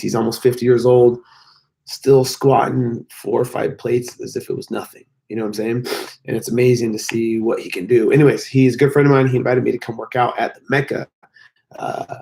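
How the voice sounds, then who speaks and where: An American man chatting casually on a livestream in a hotel room, his voice hoarse, strained, breaking and mostly lost from sickness. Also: mid-range voice, warm tone. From United States. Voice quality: hoarse, gravelly. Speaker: fitness YouTuber hosting a livestream.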